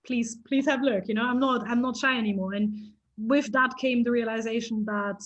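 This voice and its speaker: A woman from East Germany, a photographer, telling stories in a casual interview with lively restarts and laughter. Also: fairly high pitch, a little fast, highs cut off. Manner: animated storytelling, frequent restarts and laughs.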